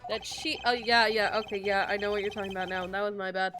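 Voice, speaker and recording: A woman giving casual gameplay commentary as she plays and voices characters, excitable and amused by herself. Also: medium pitch, fast talker, faint music behind. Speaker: game player voicing the characters.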